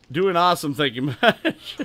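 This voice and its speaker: A man's voice: a little high, sharp tone. A man hosting a casual gaming livestream, talking in a rowdy, crude way and thanking viewers by name. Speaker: livestream host.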